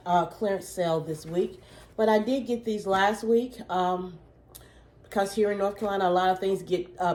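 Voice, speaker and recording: A woman chatting casually to her viewers while showing gift totes, her voice a little worn and throaty as she clears her throat. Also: mid-range voice, darkish tone, roomy sound. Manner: chatty, many fillers, says "okay?" to viewers. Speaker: vlogger, small gift business owner. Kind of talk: casual product show-and-tell.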